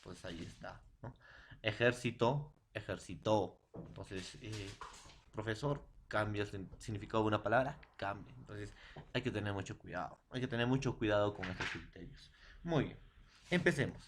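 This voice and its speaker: A man's voice: fairly low pitch, normal speed, a little hiss or hum. A Peruvian man teaching a school lesson online, speaking to his students often and repeating lists in a chanting way. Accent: Peruvian Spanish. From Peru. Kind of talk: classroom lesson. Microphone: online class.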